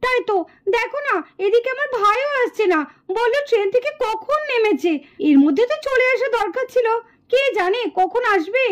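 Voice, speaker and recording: A woman's voice: extremely high pitch, normal speed. A woman voicing a chatty older-sister neighbor in a puppet cartoon. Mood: fretting. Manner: chatty, reminiscing. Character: chatty elder sister figure, village neighbor.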